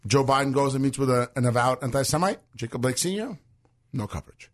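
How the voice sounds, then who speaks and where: A man co-hosting a political talk show, with a somewhat husky voice and a mocking, wry, quick way of bantering. He talks plainly at a middle pitch. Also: animated. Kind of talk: political talk radio chat.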